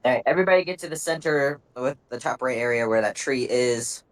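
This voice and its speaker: A man with a medium-pitched voice acts as game master. He narrates fantasy scenes descriptively and talks casually with the players at the table. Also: brisk, rough recording.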